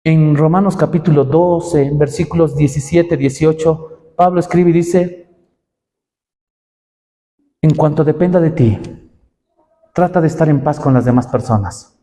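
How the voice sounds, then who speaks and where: A man preaching a sermon to young people, impassioned and rising in pitch for emphasis. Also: unhurried, pauses often, dark tone, in a large hall. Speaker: pastor. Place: church.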